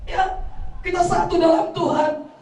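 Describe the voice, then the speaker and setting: A middle-aged woman from North Sumatra delivers a eulogy for her parent at a funeral gathering, sharing heartfelt family stories and quoting relatives. Her voice is very high-pitched and dark in tone, with a level delivery at a measured pace. The room echoes and she sounds far from the mic.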